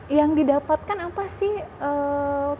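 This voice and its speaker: A woman's voice: high-pitched, slow pace, dark tone, slight background noise. A woman hosting a television talk show, interviewing guests in a chatty way, laughing often and asking long questions full of fillers. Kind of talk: studio interview.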